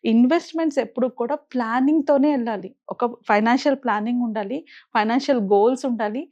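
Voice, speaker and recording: A woman's voice: a little high, fast, warm tone, muffled recording. A woman financial advisor earnestly explaining investing mistakes and putting pointed questions to the viewer.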